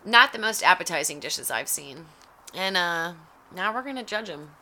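Young woman, home mic, lowish crisp voice, sarcastic running commentary on a cooking show. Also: animated, moderate pace, pushed and bright. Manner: wry, sarcastic running narration. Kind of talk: casual play-by-play commentary. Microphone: home recording mic.

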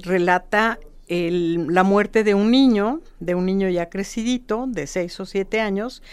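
A woman, talking casually as she explains history to a host. Her voice is smooth and clear at a middle pitch, and she tells her points as lively little stories, checking in with a quick "no?" as she goes. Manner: lively storytelling with repeated "¿no?" tags.

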